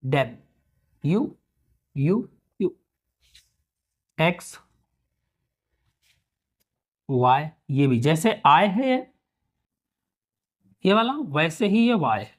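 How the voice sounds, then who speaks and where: Slow, lively male teacher. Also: a little high. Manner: repeats words slowly for practice, checks understanding. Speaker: English teacher. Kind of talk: Hindi-English spoken lesson.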